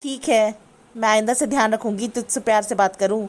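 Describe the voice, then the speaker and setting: Cartoon mother-in-law, bossy and scolding, high-pitched, voiced by a woman. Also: a little fast, natural voice. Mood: softening. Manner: scolding, complaining. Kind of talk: cartoon voice acting.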